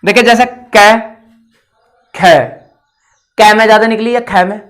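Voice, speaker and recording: A man's voice: high voice, little pitch movement, quick pace, fairly bright tone. A man teaching a grammar lesson in a chatty, rustic way, asking questions and then answering them himself. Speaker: Hindi teacher. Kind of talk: classroom lecture.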